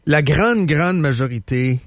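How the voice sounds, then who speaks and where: In a dry studio with no room sound, a man with a Quebec French accent hosts casual talk radio. He's an animated, unhurried storyteller with a fairly high voice, rambling and using many fillers.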